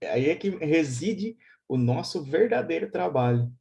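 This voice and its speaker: A man hosting a spiritual study group, speaking in a calm, reflective way. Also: a little high, a little slow, vocal fry, a little hiss or hum.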